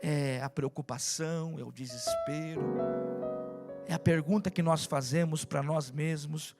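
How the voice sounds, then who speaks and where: A male pastor preaching a sermon to a live congregation, stacking long repetitive lists and dropping from loud to hushed. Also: fairly high pitch, steady tone, unhurried, loud music behind the voice. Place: church service with live congregation.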